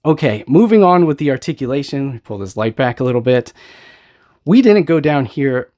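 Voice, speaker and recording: A man's voice: medium pitch, very animated, a little fast, warm tone. A man hosting a casual toy unboxing review, talking with enthusiasm, rambling a little and often asking "right?" as he goes.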